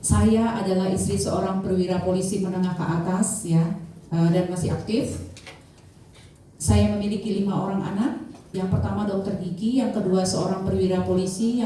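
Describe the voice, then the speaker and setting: A woman's voice: mid-range voice, warm tone, slight background noise. A woman around fifty giving a chatty motivational talk to an audience as an insurance agent, often asking the crowd questions and using fillers. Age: 50s. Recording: distant mic, heavy room echo.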